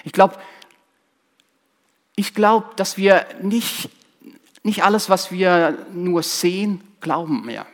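A man's voice: high-pitched, takes it slowly, long pauses. A man preaching a sermon, speaking emphatically, repeating key phrases and addressing listeners directly.

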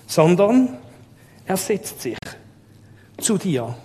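Drawing out his words, a Swiss German-accented preacher fills a hall with long reverb as he delivers a lively sermon. His fairly high voice poses question after rhetorical question to the listeners.

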